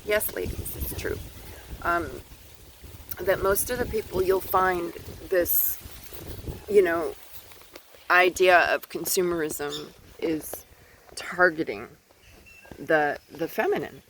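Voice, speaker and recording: A man's voice: high voice, slow, long pauses, a bit bright, poor audio. A man hosting a podcast in a rambling opinion monologue, hesitant and blunt, recorded outdoors in the wind. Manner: hesitant, many fillers and restarts, blunt opinions. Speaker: podcast host.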